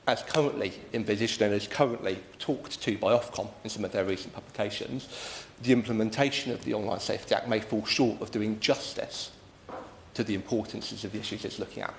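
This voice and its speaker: Low-voiced British man in an echoey chamber. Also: steady tone, vocal fry. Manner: earnest, measured, wordy. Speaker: member of parliament. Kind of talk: formal parliamentary debate speech. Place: parliamentary debating chamber. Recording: echoey room, faint background noise.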